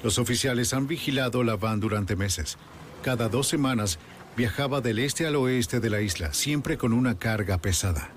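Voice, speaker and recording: A man's voice: medium pitch, moderate pace. Male true-crime narrator over background music. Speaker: documentary narrator. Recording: music bed under the voice. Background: dramatic background music.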